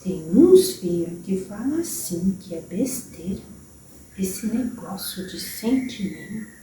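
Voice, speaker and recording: Woman doing wise old grandmother spirit, Brazilian accent, very dark mellow tone, slow speech, roomy distant recording with faint hiss. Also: mid-range voice, big pitch swings. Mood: tender. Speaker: spirit medium. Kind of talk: channeled spiritual message.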